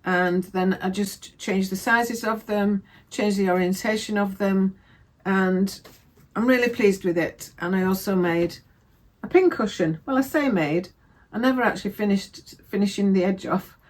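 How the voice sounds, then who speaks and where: A woman's voice: medium pitch, measured pace. A woman chatting casually about her sewing projects, rambling and correcting herself as she goes. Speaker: sewing vlogger. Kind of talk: casual crafting chat.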